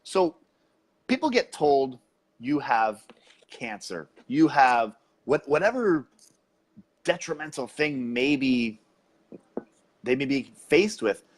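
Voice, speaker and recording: A man's voice: medium pitch, animated, takes it slowly, pauses often. A male podcast host asking probing, supportive questions. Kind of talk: interview questions.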